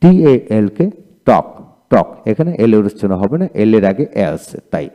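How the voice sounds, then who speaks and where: A man's voice: fairly low pitch, sing-song, normal speed, highs cut off. A male teacher with a Bangladeshi accent giving a recorded lecture, repeating each word twice and spelling it letter by letter. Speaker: English teacher.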